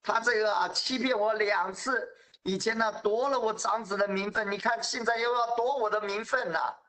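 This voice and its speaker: A man's voice: sits high, fairly even intonation, moderate pace, bright, forceful tone, pitched above the performer's own voice. A man voicing a grieving, wronged young man who pleads and protests indignantly. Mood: aggrieved.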